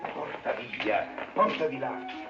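An actor playing a cheeky, quick-witted male barber who jokes and bustles between customers. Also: mid-range voice, big pitch swings. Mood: playful. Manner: joking, bustling. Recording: roomy muffled old film track with loud music.

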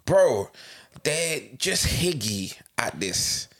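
A man's voice: mid-range voice, big pitch swings, very slow, fairly bright tone. A young man with a London roadman accent, chatting casually in heavy street slang and repeating himself for emphasis.

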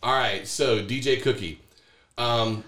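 A man's voice: medium pitch, slow, bright, forceful tone, a little hiss or hum. A man co-hosting a casual family podcast with his child, playful and full of prompting questions. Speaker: podcast co-host and parent.

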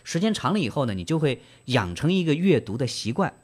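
Lively-pitched man discussing a book. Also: fast talker, slightly rough. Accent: standard Mandarin, broadcast-trained. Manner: gentle storyteller, asks listeners rhetorical questions; frequent hesitation fillers. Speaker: book club host.

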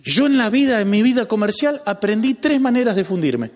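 A man with a Rioplatense accent preaching a lively sermon as pastor, joking and calling out to his congregation. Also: high voice, brisk. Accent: Rioplatense Spanish. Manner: animated, calls out to the congregation, jokes. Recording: long hall reverb.

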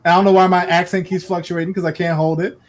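Brief: man, higher pitch, animated casual podcast banter. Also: quick pace, a crowd in the background. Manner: animated, laughs often, slips into playful voices. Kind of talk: casual chat.

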